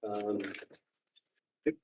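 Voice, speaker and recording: A man answering questions at a formal council hearing, halting and repeating his words as he defends himself. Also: mellow. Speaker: councillor under investigation. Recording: dull lo-fi meeting room audio.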